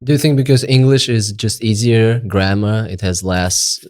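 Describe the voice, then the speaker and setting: A man's voice: lowish voice, steady tone, moderate pace, a little mellow. A man hosting a podcast, asking questions and chatting casually with his guest in an upbeat, friendly way. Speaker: podcast host. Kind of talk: casual interview chat.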